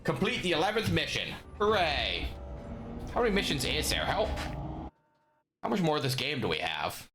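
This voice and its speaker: A man's voice: a little high, huge pitch swings, moderate pace, long pauses, over music. A young man from Western Canada giving casual live commentary as a game streamer, hesitant, with frequent ums and dry asides.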